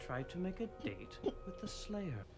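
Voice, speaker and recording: A man's voice: high voice, sing-song, measured pace. An actor playing a servile male demon minion in a TV drama, fawning and overly formal. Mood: groveling. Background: loud TV score music.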